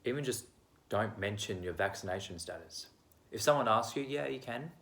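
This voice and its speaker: A man's voice: lowish voice, lively intonation, moderate pace, a bit bright. A young man vlogging at home, giving his candid opinions in a rambling, self-deprecating way. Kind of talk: casual opinion monologue.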